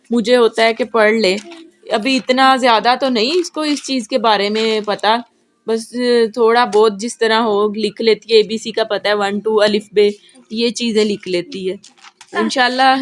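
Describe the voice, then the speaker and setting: A woman's voice: fairly high pitch, slight background noise. Chatty mother vlogging at home. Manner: chatty, speaking straight to viewers. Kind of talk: casual home vlog.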